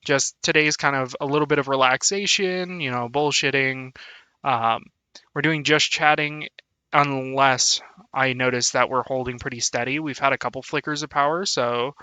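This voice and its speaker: A man's voice: medium pitch, steady tone, moderate pace, sharp tone, clear, resonant tone, no room sound. A young man chatting casually on a live stream, laughing often and thanking his viewers. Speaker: VTuber streamer.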